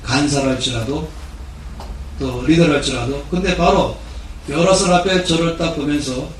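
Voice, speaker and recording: A pastor in his sixties preaches with a fairly high voice, telling a personal story in an earnest, storytelling manner. The sound is roomy and comes from some distance off the mic. Faint hall ambience runs beneath his words. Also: normal speed, slight background noise. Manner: earnest storytelling, acting out quoted speech. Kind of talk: sermon with personal testimony. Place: large church hall. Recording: echoey hall recording from afar.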